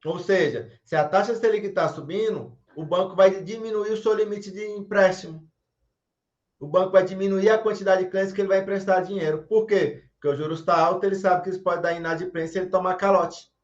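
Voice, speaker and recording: A man's voice: sits high, a little fast, echoey room, muffled recording. A Brazilian man teaching a finance class, emphatic, repeating key points and answering his own questions. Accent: Brazilian Portuguese. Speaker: finance instructor. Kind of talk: online class lecture.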